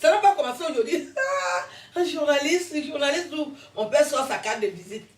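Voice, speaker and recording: A French-born woman in her fifties delivers a combative, rambling monologue to camera, laughing between her jabs. Her voice is high and her speed normal, and the recording sounds roomy and echoey, as if she's distant from the mic.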